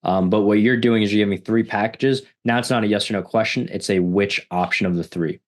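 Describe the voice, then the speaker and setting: A man's voice: lowish voice, a little fast. A man hosting a business interview, summing up and affirming his guest's points. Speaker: podcast host.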